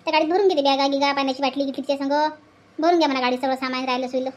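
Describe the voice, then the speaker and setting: A woman's voice: high voice, fairly even intonation, racing, close to an everyday voice. A woman voicing an older village woman from who scolds and hands out repeated advice. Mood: hurried orders. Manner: scolding, repetitive advice-giving. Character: older village woman, bossy, lecturing elder.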